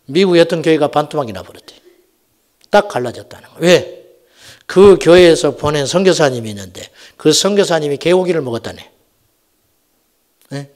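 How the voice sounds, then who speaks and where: A middle-aged man preaching a Friday night sermon as senior pastor, telling folksy stories and swinging from loud exhortation to hushed asides. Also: fairly high pitch. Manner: animated, swings between shouting and near-whispering asides; folksy storytelling with acted quotes. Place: church sanctuary.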